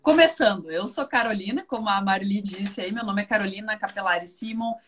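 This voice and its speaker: A woman with a southern Brazilian accent appears as a guest nutritionist in a live online talk, explaining things in a chatty, conversational way. She repeats points emphatically and often uses tag questions. Her voice is medium-pitched, a little fast, a bit bright, and husky.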